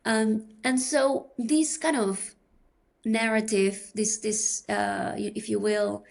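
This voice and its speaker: Creaky-voiced woman explaining research. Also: mid-range voice. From Peru. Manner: measured, explanatory, thinks aloud. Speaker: academic researcher guest. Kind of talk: podcast interview.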